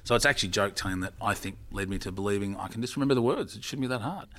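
Low-voiced Australian male raconteur, animated anecdotes. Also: very fast. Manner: animated, joke-telling raconteur. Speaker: guest, former television warm-up comedian. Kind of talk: casual interview chat.

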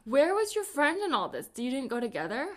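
Chatty woman host, quick to react. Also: high-pitched, wildly swooping pitch. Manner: reacts with gasps, laughs and quick questions. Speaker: podcast host. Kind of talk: casual podcast interview.

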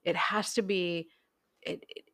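Lowish-voiced woman, earnest and encouraging. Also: fairly even intonation, unhurried, no room sound, clean studio sound. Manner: encouraging, emphatic, repeats phrases for weight. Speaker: podcast guest, hypnotherapist. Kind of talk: earnest conversational coaching.

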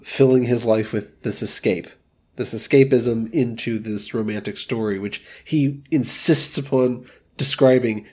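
A man's voice: on the low side, warm tone, husky. A man co-hosting a film podcast, describing scenes and characters in casual talk with wry asides. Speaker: podcast co-host.

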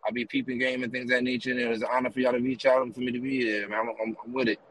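A man's voice: mid-range voice, little pitch movement, rapid-fire, a bit bright, slight background noise, low-quality recording. A man from the US East Coast, a rapper and promoter telling long rambling stories in a casual interview while riding in a car. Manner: rambling run-on stories with many fillers and "you know what I mean". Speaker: guest, rapper and music promoter.

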